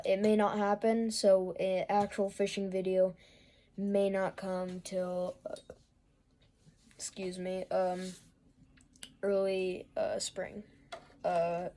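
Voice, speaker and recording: Slow, mellow-voiced young woman rambling. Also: medium pitch. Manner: rambling, many fillers and trailing pauses. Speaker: fishing vlogger. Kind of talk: casual gear walkthrough.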